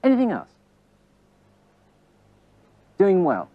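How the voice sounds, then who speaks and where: Man, tennis coach, on court, counts hits aloud, lively pitch, muffled old recording. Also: slow pace, no echo. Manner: coaxing questions with tag questions. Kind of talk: on-court teaching demonstration.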